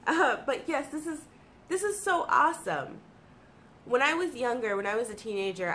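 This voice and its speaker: An American woman in her thirties, congested with allergies, chatting casually and enthusiastically to camera in a home room. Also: mid-range voice. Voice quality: congested, slightly froggy from allergies. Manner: informal, enthusiastic, self-deprecating. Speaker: video blogger and streamer. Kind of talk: casual chatty favorites vlog. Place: small home room with computer desk. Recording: clear background room noise.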